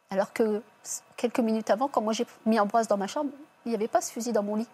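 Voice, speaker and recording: Woman telling her story in an interview, kinda husky, fairly high voice, stops and restarts a lot. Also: darkish tone. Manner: halting, with many restarts and self-corrections. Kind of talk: personal testimony.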